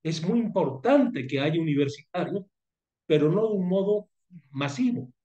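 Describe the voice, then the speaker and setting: An older man with a Mexican Spanish accent leads a university seminar, his voice sitting a little high for a man. He talks in a reflective, wandering way, restarting phrases as he builds his point. A cold keeps catching in his throat with coughs. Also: lively intonation, warm tone, highs cut off. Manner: thoughtful, digressive, pausing and restarting phrases. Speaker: seminar leader.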